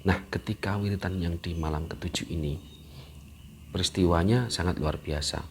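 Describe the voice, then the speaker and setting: A man telling a mystery story, acting out the characters' lines with sudden loud bursts. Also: low voice, normal speed, slight background noise. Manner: animated, acts out quotes with sudden loud bursts. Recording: music in the background.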